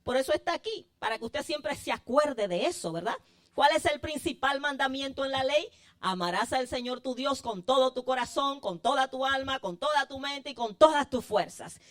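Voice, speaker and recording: A woman preaches a sermon in a high voice. She talks fervently, lifting and dropping her emphasis as she calls on her listeners as brothers. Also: lively intonation, normal speed.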